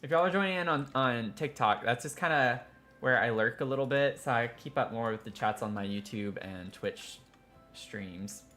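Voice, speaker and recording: A man's voice: medium pitch, moderate pace, sharp tone, soft background music. A man from Tennessee with a Southern accent, chatting casually on a live stream in a rambling, self-interrupting way. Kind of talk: casual live-stream chat while building in a game.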